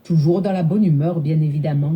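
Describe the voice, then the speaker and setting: A woman's voice: low-pitched, a little fast, slightly rough, dull audio. A synthetic woman's voice playing a chirpy female voice assistant with a put-on Southern French accent and playful regional slang. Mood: cheerful.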